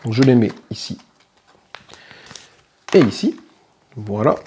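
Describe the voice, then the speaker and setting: A man's voice: mid-range voice, animated, takes it slowly, darkish tone, slight background noise. A man hosting a tabletop game channel, casually explaining a solo playthrough and thinking aloud with small self-corrections. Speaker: board game channel host.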